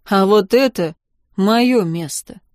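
A woman voicing a young man who is insistent and hurt, speaking low and firm in a story reading. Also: slow, darkish tone, dry recording, studio quality, natural voice. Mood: quietly explaining.

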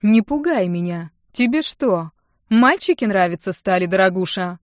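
Voicing an angry, domineering rich mother in middle age, this audiobook narrator sounds sarcastic and venomous, her voice climbing with scorn. She speaks naturally and expressively at medium pitch and moderate pace, in a dry, studio-quality recording.

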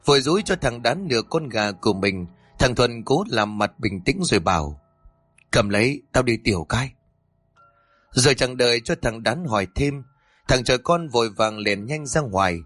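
A man's voice: mid-range voice, a bit bright, dry recording. A man narrating a scripted village tale in a dramatic, vivid way. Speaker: storyteller. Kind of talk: scripted horror story narration.

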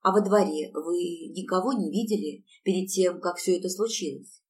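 An insistent young woman who presses with urgent questions, voiced by a woman reading a story aloud. Her voice is lowish, and the mic is set back from the reader. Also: normal speed, natural voice. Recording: distant mic.

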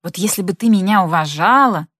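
A woman's voice: mid-range voice, expressive, fairly quick, fairly bright tone, no echo, clean studio sound. A woman voicing a nagging older mother who pries and scolds her daughter, in an audiobook. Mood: scolding. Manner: insistent, scolding.

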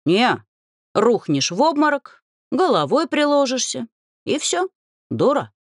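A woman's voice: high voice, big pitch swings, measured pace, no echo, studio quality, voice pushed up, exaggerated voice. A woman voicing a short, cocky half-gnome young man who bickers and lectures his friends in a storybook reading. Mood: teasing.

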